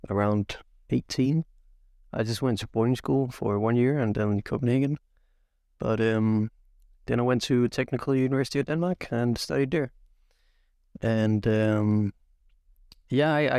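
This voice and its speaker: A young man raised in Belgium co-hosts a casual tech podcast. His voice has a gravelly edge, and he talks haltingly, full of fillers, yet eagerly. The sound is dry and close-miked. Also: medium pitch, darkish tone, no echo. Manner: halting, many fillers and restarts, enthusiastic. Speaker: podcast co-host.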